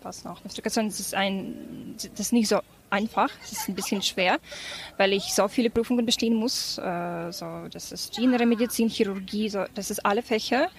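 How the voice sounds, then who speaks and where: In a café, a woman from Ukraine in her twenties answers casual interview questions, her Ukrainian accent clear and her replies hesitant and full of fillers. She has a medium-pitched, creaky voice and talks a little fast.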